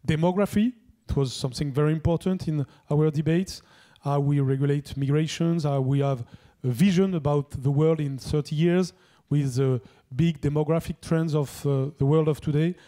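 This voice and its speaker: A man's voice: on the high side, steady tone, normal speed, warm tone. A man giving formal closing remarks at a conference, hesitant, with many fillers and restarts.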